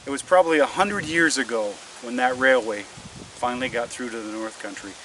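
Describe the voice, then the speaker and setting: A man's voice: mid-range voice, brisk, pushed and bright. A middle-aged man talks to viewers in an outdoor vlog, folksy and full of wonder. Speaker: vlogger. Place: outdoors in woods and a logged clearing. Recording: windy outdoor audio, far from mic.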